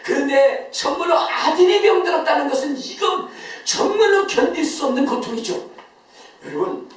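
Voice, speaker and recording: A man's voice: very high voice, animated, normal speed. A male pastor delivers a Sunday sermon with emphatic, questioning energy, laughing between lines. His voice carries from a distance and rings around a very reverberant sanctuary. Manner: emphatic, quizzes the congregation, often laughing as he speaks. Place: church sanctuary. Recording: very echoey church, voice from far off.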